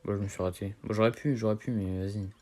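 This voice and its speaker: Rambling teenage gamer, low voice. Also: male voice, fairly even intonation, fast, warm tone. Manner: rambling, slangy, self-correcting. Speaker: gaming streamer. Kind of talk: casual gameplay commentary.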